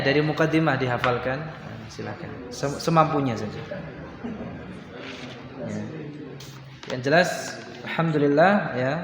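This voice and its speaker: A man teaching Quran recitation to students, explaining patiently and chanting examples aloud. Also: medium pitch. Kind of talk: religious lesson to students. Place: large room in a school. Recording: echoey hall, faint background noise.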